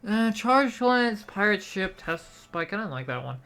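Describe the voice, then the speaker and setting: A woman's voice: mid-range voice, very animated, unhurried, fairly bright tone. A young woman casually commenting on gameplay, reading item text aloud in a chatty, self-mocking way. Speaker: game streamer.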